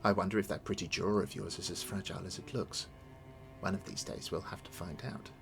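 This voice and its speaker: A man's voice: low-pitched, fairly even intonation, brisk, creaky, music in the background. A man voicing a proud, scornful captured villainess from a video game, with the threatening manner of a sputtering foiled villain. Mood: bitter, menacing. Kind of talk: dramatic read-aloud of video game dialogue.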